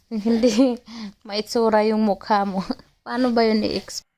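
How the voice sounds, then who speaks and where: A woman's voice: on the high side, fairly even intonation, slow, warm tone, no echo. A young Filipina mother with a Cebuano-touched accent, venting in a casual vlog with rueful, self-mocking sighs. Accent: Filipino, Cebuano-speaking. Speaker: mother vlogger.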